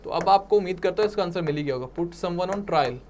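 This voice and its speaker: A man's voice: sits high, darkish tone, slight background noise. A man with a Punjabi accent teaching English vocabulary for an exam, mixing Hindi and English and often checking in with his students. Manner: mixes Hindi and English, checks in with "ठीक है?" and "right?"; repeats words slowly for emphasis. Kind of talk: exam-prep vocabulary lecture.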